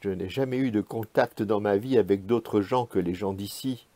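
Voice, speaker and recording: A man's voice: on the low side, normal speed, mellow, no echo, close to an everyday voice. A man reading the lines of a guarded, terse village official in his own voice. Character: wary, reserved rural village official, man.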